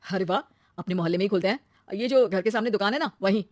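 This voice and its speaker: A quick-tempered young husband from a cartoon story, played by a woman, loud and ready to argue. The voice sits in a middle pitch and sounds dry, set a little back from the mic. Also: no room sound, natural voice. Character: young husband, hot-tempered shop seeker.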